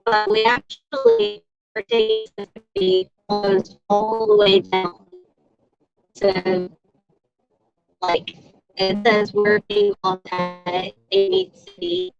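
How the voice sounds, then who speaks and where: A woman's voice: mid-range voice, big pitch swings, slow pace, gravelly. A woman co-hosting a casual chat over a video call, chatty and rambling. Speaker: co-host. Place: in a car. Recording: muffled call audio with faint music.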